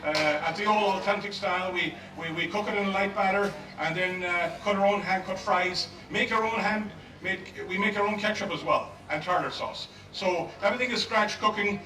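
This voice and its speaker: On an outdoor festival stage, a middle-aged man from Ireland who grew up speaking Gaelic runs a live cooking demo as a chef and pub owner. He talks easily and meanderingly with plenty of fillers, in a high-sitting voice at normal speed with few pauses. A far-off stage mic adds echo and crowd noise.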